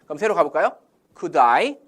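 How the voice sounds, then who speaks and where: A man's voice: fairly high pitch, normal speed, slight background noise. A man teaching English in Korean, drilling phrases with call-and-response questions and acting out example lines. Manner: acts out Korean example sentences in a lively voice. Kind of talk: classroom-style language lesson.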